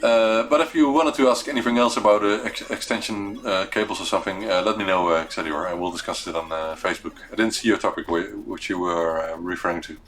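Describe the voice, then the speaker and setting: The host of a weekly retro computing live show, a man with a Dutch accent, leads an unscripted livestream chat in a low, slightly bright voice. He talks fast with hardly any pauses, yet sounds hesitant as he searches for words.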